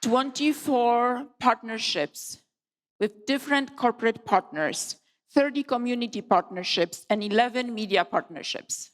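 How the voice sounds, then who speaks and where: A middle-aged woman from Poland giving a formal opening speech at a conference, measured and emphatic with deliberate pauses. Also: fairly high pitch. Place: large conference hall. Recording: long hall reverb.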